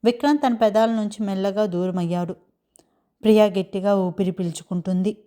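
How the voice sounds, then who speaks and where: Woman storyteller, mellow tone, soft scripted romance narration. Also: medium pitch, steady tone, fairly quick, smooth.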